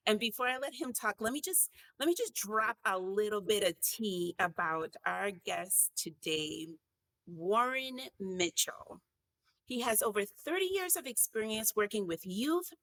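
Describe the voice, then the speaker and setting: A woman's voice: mid-range voice, a bit bright, dry recording, rough recording. A woman from the US Virgin Islands, hosting a podcast in a conversational style. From US Virgin Islands (St. Croix). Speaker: podcast host.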